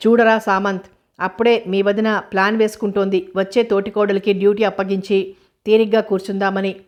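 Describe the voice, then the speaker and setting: A woman reading the lines of a calm, joking elder brother in a storybook. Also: medium pitch, brisk, lo-fi sound, lightly acted.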